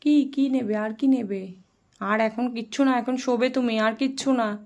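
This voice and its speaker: A young woman with a Bengali accent filming her small son for a family vlog, coaxing him in a playful sing-song and dropping to hushed asides. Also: on the high side, steady tone, normal speed, highs cut off. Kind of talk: casual family vlog narration and talk to a child.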